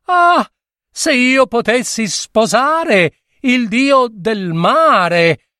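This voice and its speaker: A man voicing a sly, theatrical male dolphin with a high, exaggerated, sighing voice in a storybook reading. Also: expressive, drawn-out words, bright, forceful tone, no room sound, clean studio sound, exaggerated voice. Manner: pleading, overacted, like a comedian.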